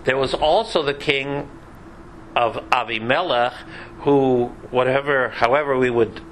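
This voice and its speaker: A man's voice: mid-range voice, measured pace, fairly bright tone, slight background noise, low-quality recording. A man giving a conversational Bible class lecture, chatty and sprinkled with dry joking asides. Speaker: Bible teacher.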